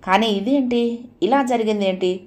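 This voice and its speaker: A woman's voice: fairly high pitch, moderate pace. Woman narrating an audio novel. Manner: expressive storytelling.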